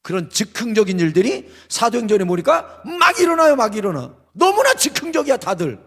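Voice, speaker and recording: Emphatic male preacher with a gravelly voice. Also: high voice, wildly swooping pitch, fairly quick, fairly bright tone. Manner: emphatic, dramatic preaching that acts out quoted voices. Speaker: pastor. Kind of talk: revival sermon. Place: church sanctuary. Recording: reverberant church hall.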